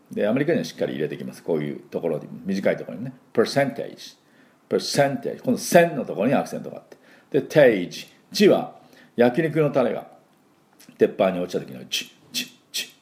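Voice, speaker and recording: A man from Japan giving an English pronunciation lesson, drawing out model words slowly for the listener to repeat. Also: fairly low pitch, dark tone. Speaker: English teacher.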